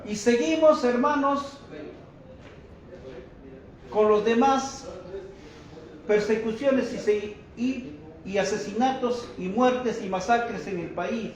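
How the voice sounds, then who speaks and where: A man with a high voice delivers a slow, deliberate press conference statement, denouncing and calling his listeners brothers. The sound is very echoey and dull, with faint noise behind him. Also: a little mellow. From Peru. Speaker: activist speaking at a press conference.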